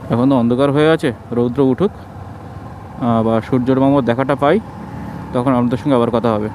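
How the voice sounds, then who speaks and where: A man's voice: mid-range voice, fairly even intonation, fairly quick, darkish tone. Man muffled through a face mask. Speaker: travel vlogger. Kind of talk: casual travel vlog narration. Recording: noisy outdoor road and vehicle sound.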